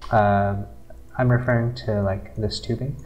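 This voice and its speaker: A man running a tabletop game as game master, narrating in a halting way with many pauses and ums. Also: lowish voice, steady tone, darkish tone, highs cut off.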